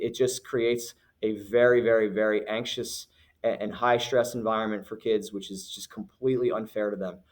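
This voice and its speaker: Firm, earnest man addressing parents. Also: medium pitch. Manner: earnest, firm, with frequent fillers and restarts; repeats phrases for emphasis. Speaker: youth basketball league director. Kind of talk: recorded announcement to parents.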